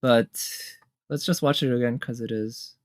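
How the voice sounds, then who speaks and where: There's background noise as a man of medium pitch and fairly even intonation talks at a moderate pace. Hosting a game trailer tier list over the trailers' music, he reacts casually and enthusiastically, thinking aloud.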